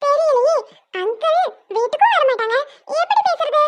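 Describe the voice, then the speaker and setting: A woman's voice: very high voice, animated, normal speed, very noisy. A chirpy little girl. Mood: excited. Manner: chirpy, eager questions. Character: cheerful little girl, excited and curious. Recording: dull dry sound.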